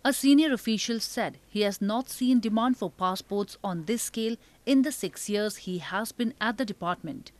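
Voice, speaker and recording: A female news anchor reading scripted headlines in a studio with a measured, formal delivery. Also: mid-range voice.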